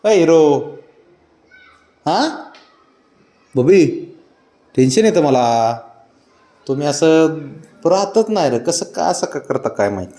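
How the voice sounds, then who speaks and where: A young man talking affectionately to his cats at home, coaxing them in baby talk that soars into a high sing-song when he greets them. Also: sing-song, slow pace, long pauses, warm tone. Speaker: cat owner. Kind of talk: casual talk to pets.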